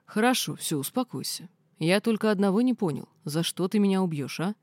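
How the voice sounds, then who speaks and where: A woman's voice: medium pitch, lively intonation, brisk, a little mellow, no echo, studio quality, lightly acted. A woman reading the lines of a joking, easygoing young man in an audiobook. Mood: teasing. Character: teasing young man, red-haired knight, easygoing.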